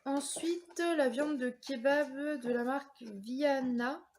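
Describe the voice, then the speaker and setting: A woman's voice: high voice, fairly even intonation, slow pace, darkish tone, slight background noise. A woman in her thirties from France, chatting casually through a product review vlog with many fillers and hesitations. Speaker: vlogger.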